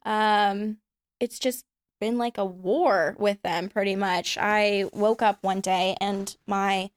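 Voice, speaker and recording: A woman's voice: medium pitch, fairly even intonation, slow, smooth, dry recording. Young woman, casual podcast guest, frank and giggly, dry close sound. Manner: candid, laughing, many ums and restarts. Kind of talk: casual chat.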